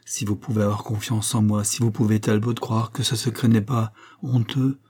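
A proud young woman of nineteen pleads in a trembling, lifted voice, as a man puts her on in an audiobook. The tone stays low and mellow underneath, with a husky grain. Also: little pitch movement, moderate pace. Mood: pleading. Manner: trembling, pleading, slightly raised voice.

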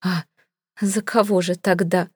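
A woman's voice: lowish voice, level tone, a little slow, no room sound, clean studio sound. A woman voicing a flustered, hesitant middle-aged mother. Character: anxious middle-aged mother, Mrs Flip.

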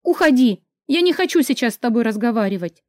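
A woman reading an audiobook voices a frightened young woman who cries out and shouts in desperation. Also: on the high side, expressive, a little fast, dry recording, clean studio sound, pitched above the performer's own voice, lightly acted. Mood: angry.

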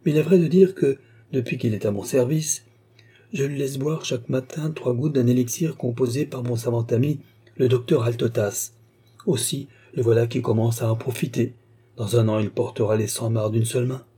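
A man voicing a suave, mysterious count who speaks with smooth, polite assurance in an audiobook. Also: mid-range voice, steady tone, normal speed, dark tone, lightly acted. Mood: assured.

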